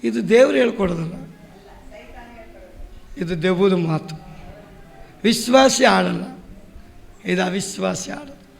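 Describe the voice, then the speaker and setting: A male pastor preaching in church, his voice high and gravelly. He speaks slowly and asks the congregation rhetorical questions. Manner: rhetorical questions and calls for amen. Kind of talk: sermon.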